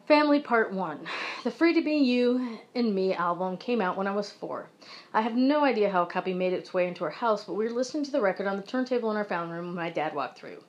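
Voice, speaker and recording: A woman in her forties reads her own memoir aloud, the way a comic would. Her delivery is dry and deadpan, with the jokes tucked into plain statements. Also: mid-range voice, quick pace, highs cut off. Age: 40s. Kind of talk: reading a personal essay aloud.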